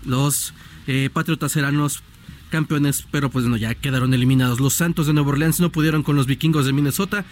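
A Mexican man reading sports news on the radio, brisk with joking asides. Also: mid-range voice, fairly even intonation. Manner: brisk newsreading mixed with joking banter. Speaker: sports reporter.

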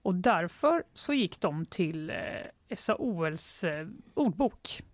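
A woman's voice: on the low side, very animated, no echo. Dry-humored woman in a dry room. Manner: dry, wry quips while relaying news. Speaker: news podcast host. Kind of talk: casual news chat.

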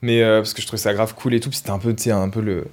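A man's voice: lowish voice, little pitch movement, rapid-fire, darkish tone. A man hosting a podcast interview, chatty and slangy in a loose, casual way. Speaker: podcast host.

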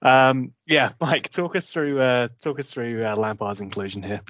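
A man's voice: medium pitch, normal speed, fairly bright tone, no room sound. A man with an Essex accent, hosting a casual football panel talk. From Essex, England. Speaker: podcast host. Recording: dull, lo-fi close recording.

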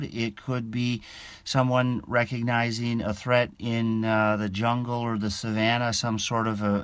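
A man gives explanatory interview answers as a science correspondent. His pitch is average and his delivery is halting and measured. The sound is close and dry. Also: dry recording.

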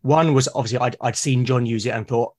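An artist and podcaster from the UK is interviewed in a casual conversation, speaking briskly in a mid-range, slightly mellow voice with a steady tone. His talk is hesitant, marked by repeated words at the start of sentences.

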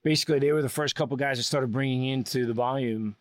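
A man's voice: medium pitch, steady tone, fast talker, no room sound. A man, a guest on an interview show, telling long enthusiastic stories about his work with lots of restarts. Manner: enthusiastic, rambling explanations with frequent restarts. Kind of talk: casual interview storytelling.

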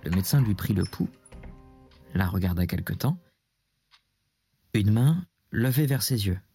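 Husky, gravelly male narrator. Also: fairly low pitch, lively intonation, a little slow, mellow, faint music behind. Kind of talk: dramatic literary narration.

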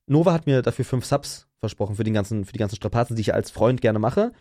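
A young podcast host in casual chat. He talks fast and animatedly, jumping around in pitch as he plays out both sides of a conversation. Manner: animated storyteller, acts out quoted dialogue.

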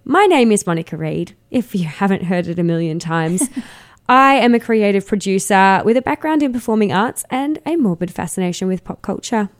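A woman's voice: medium pitch, expressive, normal speed. Chatty giggly woman podcast host. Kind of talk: casual chat.

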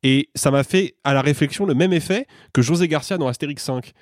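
A man debating films as a critic in a casual podcast, animated and argumentative. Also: on the high side, fairly quick, no echo, studio quality. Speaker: film critic.

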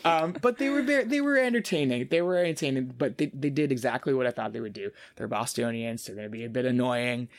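A man hosting a casual podcast chat, talking in an animated way and often repeating words as he gathers his thoughts. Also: medium pitch, fast talker, hardly any pauses, no room sound.

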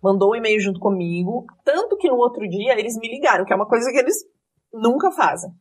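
A woman's voice: on the high side, quick pace, slightly rough, distant mic. A woman, telling a dramatic story from her rideshare driving in casual chat. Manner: lively, dramatic retelling with quoted dialogue.

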